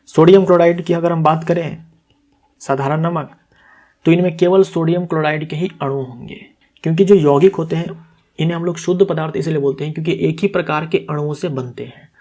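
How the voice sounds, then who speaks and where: A man with a slightly high, darkish voice tutors for an exam, going through quiz answers step by step. He poses questions and answers them himself, correcting himself out loud along the way.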